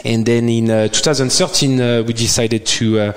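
A man from France with a French accent and a smooth voice, telling his story casually in an interview. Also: medium pitch, steady tone, moderate pace. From Bordeaux, France. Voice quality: smooth, silky. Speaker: winemaker guest. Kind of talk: casual chat.

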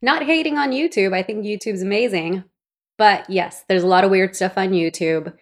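A woman's voice: medium pitch, normal speed. A woman from El Salvador co-hosting a podcast in casual chat, explaining things and laughing easily. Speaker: podcast co-host.

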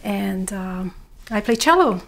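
A woman's voice: medium pitch, expressive, takes it slowly, gravelly. A woman from Hungary with a Hungarian accent, chatting casually as a musician guest in a living room interview. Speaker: guest, cellist and cello teacher.

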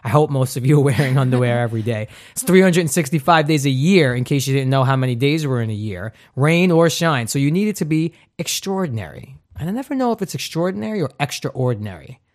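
Guy hosting a podcast, upbeat and jokey, reading ads like he's just chatting, mid-pitch voice. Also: lively intonation, quick pace. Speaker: podcast host. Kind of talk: casual podcast chat with ad reads.

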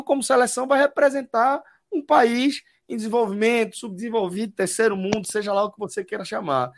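A Brazilian man hosting a casual football chat, pausing often with fillers. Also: sits high, dry recording, studio quality. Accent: Brazilian Portuguese. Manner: hesitant, fills with "é". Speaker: show host.

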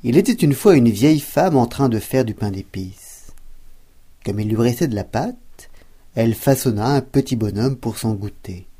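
Low husky woman reading a bedtime story. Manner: slow, expressive storybook narration.

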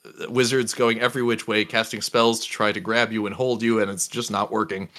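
A man narrating a tabletop game as game master, relaxed and halting, with many fillers and restarts. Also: lowish voice.

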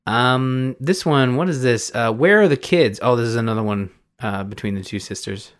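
A man's voice: mid-range voice, moderate pace. A Canadian man hosting a film podcast, chatting casually with chuckles and many restarts. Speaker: podcast host.

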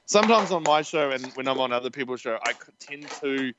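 A man's voice: mid-range voice, lively intonation, quick pace, a bit bright. A man with a New Zealand accent, co-hosting a podcast in casual chat, laughing often and swearing freely. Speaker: podcast co-host. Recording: dull lo-fi sound with faint noise.

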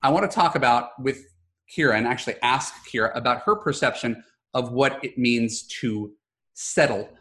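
A man's voice: mid-range voice, normal speed, fairly bright tone. A man in his forties hosting a podcast interview, chatty and often repeating words as he starts a sentence. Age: 40s. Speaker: podcast host. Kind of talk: casual interview chat.

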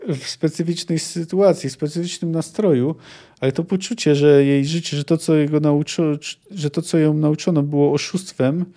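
Brief: male podcast host, analytical book commentary, fairly high voice, mellow and dark tone. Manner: measured, analytical, thinking aloud.

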